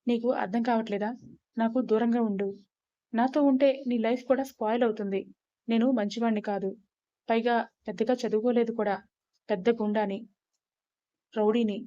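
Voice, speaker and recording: A woman's voice: fairly high pitch, fairly even intonation, moderate pace, long pauses, mellow, no room sound, lightly acted. A woman voicing a blunt, guarded young male rowdy in a storybook reading, on a slightly dull recording. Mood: firm.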